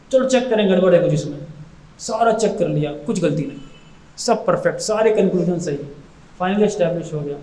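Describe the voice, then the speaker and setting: A man's voice: high voice, darkish tone, echoey room, poor audio. A man giving a devotional talk as a spiritual speaker, telling stories with energy and often switching into English phrases.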